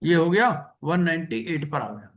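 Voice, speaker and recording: A man teaching an exam-prep lecture, reading legal text slowly and explaining it. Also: a little high, lively intonation.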